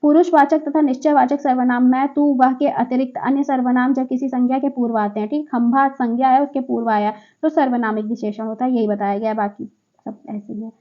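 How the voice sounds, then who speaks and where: High-voiced woman teaching exam answers. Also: fairly even intonation, a little fast, lo-fi sound. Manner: explains step by step, often adds "ठीक है". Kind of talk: exam paper walkthrough.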